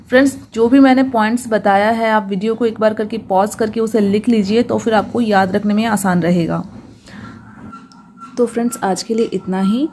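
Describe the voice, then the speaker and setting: A woman, teaching English pronunciation patiently and slowing down to stress each rule. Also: medium pitch, darkish tone, slight background noise. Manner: patient, slows down to stress rules. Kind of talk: explanatory lesson.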